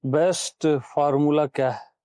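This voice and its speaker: A man's voice: fairly high pitch, steady tone, unhurried, warm tone, no room sound, clean studio sound. A man giving a satsang discourse as a spiritual teacher. He questions his listeners, repeats key phrases, and urges them on.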